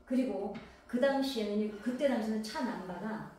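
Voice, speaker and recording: A woman's voice: medium pitch, moderate pace, dark tone, slight background noise. A woman from Gangwon Province, South Korea, preaching a sermon in a conversational way, firing rhetorical questions at the congregation. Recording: very echoey hall, voice from a distance.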